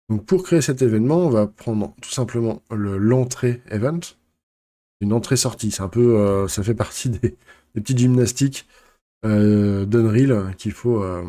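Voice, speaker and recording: Guy walking thru a software tutorial, mellow darkish voice, lots of euh and restarts. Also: mid-range voice. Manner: relaxed explaining, frequent fillers and self-corrections. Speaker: game development tutorial teacher. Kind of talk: screen-recorded software tutorial.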